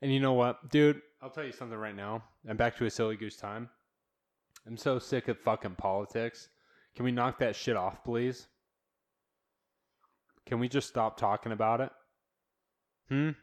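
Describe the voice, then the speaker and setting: A man's voice: mid-range voice, moderate pace, pauses often. Rambling, cussing male podcast host. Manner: rambling, swears freely, blunt. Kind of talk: solo podcast rant. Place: new home studio.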